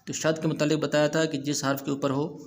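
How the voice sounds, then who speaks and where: A man with a Pakistani Urdu accent teaching tajweed, chanting verses slowly and then explaining the rules in quick plain speech. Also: fairly high pitch, level tone. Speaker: Quran recitation teacher. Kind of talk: Quran tajweed lesson.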